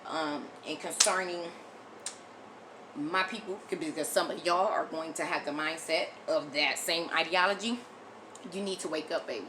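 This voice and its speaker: A woman's voice: deep voice, moderate pace, noisy background. An American woman delivering an impassioned, blunt opinion monologue as a video commentator, emphatic and repeating phrases for force, often swearing. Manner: frequent swearing.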